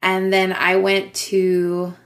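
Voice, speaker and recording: A woman's voice: medium pitch, monotone, slow pace, crowd noise. Chatty young woman telling a story. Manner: chatty, laughs often, many likes and ums. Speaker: podcast co-host. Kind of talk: casual storytelling chat.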